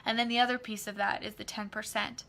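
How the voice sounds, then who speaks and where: A woman talking casually on a live video, excitedly promoting her book club and class, with many fillers. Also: a little high, fast talker, creaky. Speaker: online class facilitator.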